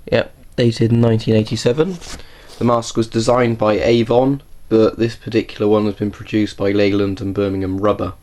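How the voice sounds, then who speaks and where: A man's voice: lowish voice, darkish tone. A man talking casually to viewers as the presenter of a video. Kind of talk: casual informal vlog talk.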